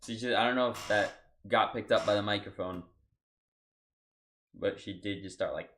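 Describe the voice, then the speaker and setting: A man's voice: fairly low pitch, normal speed, fairly bright tone, slight background noise. A young man chatting casually on his livestream from home, rambling loosely with lots of fillers and restarts. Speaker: streamer.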